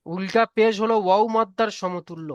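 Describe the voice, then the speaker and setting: A man with a high voice teaches an online class, patient and methodical, repeating each rule slowly. His voice sounds smooth and resonant. The recording is close and dry. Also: no echo. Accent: Bengali. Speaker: online Quran reading teacher. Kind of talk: live online class lesson.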